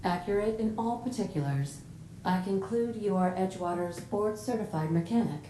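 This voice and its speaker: A woman voicing a calm, formal female ship computer that speaks in a polite, precise manner. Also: moderate pace, close to an everyday voice. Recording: roomy echo, faint rumble.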